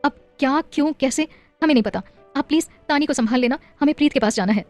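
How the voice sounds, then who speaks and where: A woman's voice: high-pitched, a little fast, dry recording, soft background music, pitched above the performer's own voice, lightly acted. A woman reading a story aloud, voicing an anxious young mother who pleads and panics over her child. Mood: frantic. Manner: pleading, frantic.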